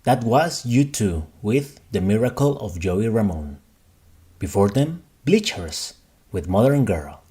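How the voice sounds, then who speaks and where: A man playing a composed radio DJ in an audio drama, announcing songs and scripted news in a measured, solemn way. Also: lowish voice, sing-song, dark tone, husky, exaggerated voice. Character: composed post-apocalyptic radio DJ reading news.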